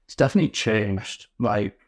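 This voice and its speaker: A man from Newcastle with a mixed northern English accent, a podcast guest telling his story in relaxed casual chat, often restarting his sentences. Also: on the low side, normal speed, no echo, studio quality. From Newcastle, England.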